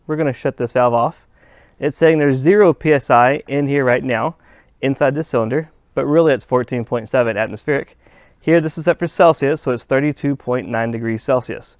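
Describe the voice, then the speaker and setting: A man with a mid-range, slightly mellow voice teaches HVAC hands-on at a workshop bench, walking through each step in plain language while working with parts. The recording has no room sound.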